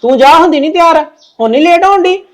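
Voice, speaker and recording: Guy playing a touchy younger son, really high voice, talks quick and sulky. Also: lively intonation. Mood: irritated. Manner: argumentative, sulky. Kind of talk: Punjabi family drama acting.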